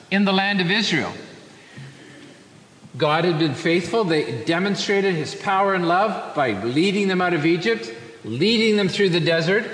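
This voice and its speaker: A man preaching a sermon as pastor, with earnest emphasis, rising on key phrases and slowing down for scripture quotations. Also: sits high, a bit bright. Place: church. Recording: echoey church hall.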